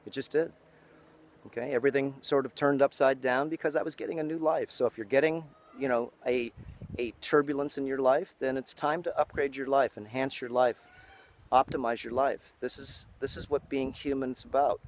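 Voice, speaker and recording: A man's voice: mid-range voice, fairly even intonation, normal speed. A man in his fifties giving an outdoor lecture on a farm, often adding "okay?" after his points. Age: 50s.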